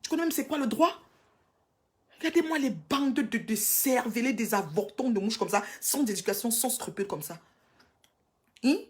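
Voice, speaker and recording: A woman delivers an angry live rant, scolding and mocking someone, and her voice jumps into sudden high-pitched outbursts. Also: lively intonation, moderate pace, long pauses. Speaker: livestreamer.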